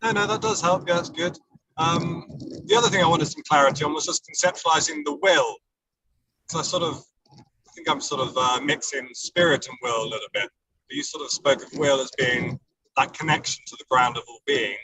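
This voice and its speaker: A man's voice: on the high side, a little fast, sharp tone. Man calling in over car speakerphone. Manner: hesitant, searching questions. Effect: hands-free car speakerphone call. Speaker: workshop caller asking questions. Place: driving in a car. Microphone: hands-free car phone. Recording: distant car speakerphone with road noise.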